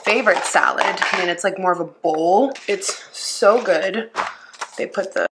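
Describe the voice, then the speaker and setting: A woman's voice: lowish voice, fairly quick, noisy background. Chatty woman talking while eating. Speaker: YouTuber. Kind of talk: casual eating chat video.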